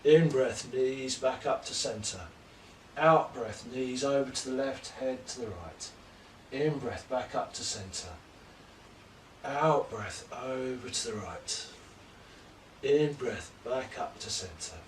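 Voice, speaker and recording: A man teaching a yoga class, calmly and slowly guiding breathing and poses. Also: medium pitch, slight background noise. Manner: slow, gentle, calm cueing of breath and poses. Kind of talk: guided yoga class instruction. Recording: roomy echo, distant mic, faint ambience.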